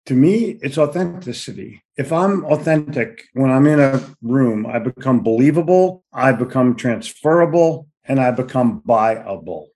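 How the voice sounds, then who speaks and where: Relaxed middle-aged man co-hosting a podcast. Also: medium pitch, unhurried, few pauses. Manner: relaxed, advice-giving, quotes others in animated voices. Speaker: podcast co-host. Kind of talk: casual conversational chat.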